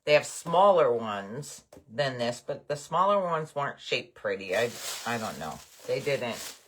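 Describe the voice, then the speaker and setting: A woman's voice: rumbling low, big pitch swings, a little slow, slightly rough. An older woman hosting a craft livestream, chatting casually and rambling happily with her viewers. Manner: chatty, rambling, enthusiastic about bargains. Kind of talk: casual live-stream chat with viewers.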